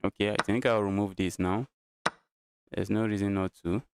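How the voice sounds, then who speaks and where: A Nigerian man talks through his chess game on a live stream, repeating short phrases as he weighs each move. His voice sits a little low and comes across clean and resonant. The sound is dry, with very little room echo. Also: steady tone, normal speed, darkish tone, smooth. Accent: Nigerian English. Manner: thinks aloud, repeats phrases.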